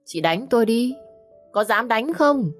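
A woman's voice: a little high, expressive, a little slow, faint music behind, voice pushed up. A woman voicing a scheming pregnant mistress in a village who wails and taunts melodramatically. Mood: taunting.

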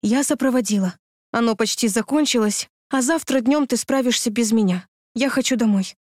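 A cool, clipped young woman , voiced by a male narrator in an audiobook, her voice pitched well up. She stays firm and distant, with a dry, close sound. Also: moderate pace, no room sound. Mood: cold.

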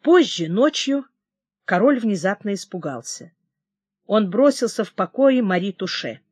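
An audiobook narrator with a mid-range voice reads a historical novel. The narration is measured and dramatic. The recording is close and dry. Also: mid-range voice, big pitch swings, darkish tone, husky, no room sound.

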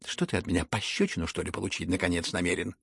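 A man voicing a hot-tempered, imperious older noblewoman in an audiobook, with sharp scolding outbursts and a gravelly, husky voice. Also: sits low, fairly even intonation, quick pace, no room sound, studio quality, pitched below the performer's own voice, heavily acted. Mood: scornful. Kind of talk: audiobook character reading.

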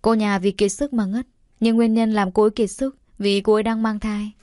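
Brief: woman narrator as a soft-spoken male doctor delivering bad news, dry close recording. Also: medium pitch, little pitch movement, no echo, close to an everyday voice. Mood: grave. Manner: soft, measured, apologetic. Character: gentle middle-aged male doctor.

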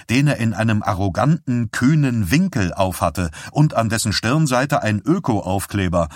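A man narrating an audiobook in an expressive storytelling reading, on a close studio microphone. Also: fairly low pitch, no echo.

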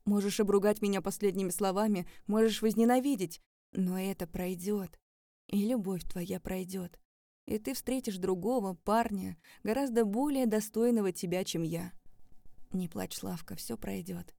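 A woman voicing a calm young man who speaks softly and evenly to his lover, in an audiobook. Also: mid-range voice, normal speed, vocal fry, no room sound, natural voice. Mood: gentle. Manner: soft, even, quiet. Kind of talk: audiobook character voice.

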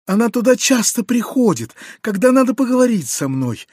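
A man reading an audiobook, voicing an anxious, kindly middle-aged uncle who confides in hushed, lowered tones with hurried outbursts. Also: big pitch swings, husky, no room sound, clean studio sound, heavily acted. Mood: confiding, distraught.

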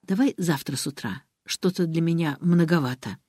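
A woman doing a gentle middle-aged father. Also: fairly high pitch, moderate pace, husky, no echo, studio quality. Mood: soft. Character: middle-aged father, tender, self-ironic, emotional. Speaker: father, former musician.

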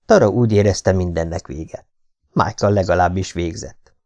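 Male narrator, scripted audiobook reading, fairly low pitch, measured and even. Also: dull audio.

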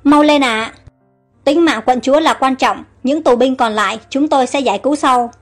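A woman's voice: high-pitched, normal speed, soft background music. A woman voicing loyal female Amazon warriors in a storybook reading, urgent and pleading.

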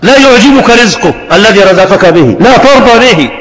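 A man's voice: high-pitched, expressive, brisk, fairly bright tone. A man with an Egyptian accent preaching a religious sermon with passion, repeating himself and asking rhetorical questions. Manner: impassioned, repetitive rhetorical questions. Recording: long hall reverb.

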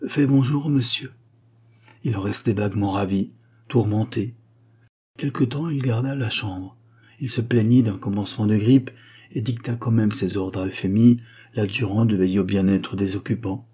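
A man narrating a story in a measured, even reading style. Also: on the low side, husky. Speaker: audiobook narrator. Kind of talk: scripted narration.

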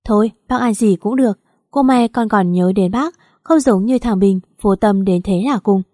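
A woman voicing a blunt, sharp-tongued older mother-in-law in an audio story. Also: medium pitch, normal speed, no echo, clean studio sound, natural voice. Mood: brusque. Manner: blunt and curt.

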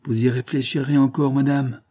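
Guy reading an oily sneaky schemer, sweet-talking, dark husky voice. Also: mid-range voice, unhurried. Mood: wheedling. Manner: oily, ingratiating. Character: sly, wheedling middle-aged schemer.

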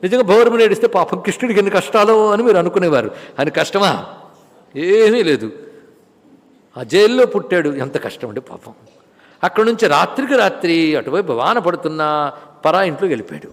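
Male preacher, high voice, lively: bursts of emphasis, hushed asides, slow chanted verses. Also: big-room sound. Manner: animated, swings between loud exclamations and soft asides, chants Sanskrit verses slowly. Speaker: spiritual discourse speaker. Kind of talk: devotional sermon on scripture.

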